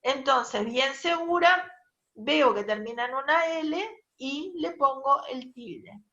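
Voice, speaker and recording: Woman teacher, high voice, measured pace, lo-fi video call sound, explains step by step. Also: expressive, pushed and bright. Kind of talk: online class lecture.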